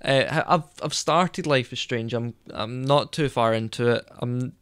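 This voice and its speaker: A man's voice: medium pitch, measured pace, fairly bright tone, smooth, dry recording. A man co-hosting a podcast in casual chat, rambling and hesitant with lots of fillers. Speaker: podcast co-host.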